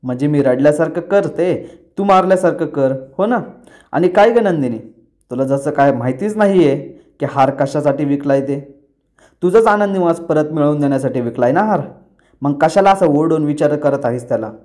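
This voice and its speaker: A man's voice: fairly high pitch, lively intonation, moderate pace, darkish tone, close to an everyday voice. A man voicing a meddling middle-aged aunt from a TV serial, speaking in a taunting, prying way.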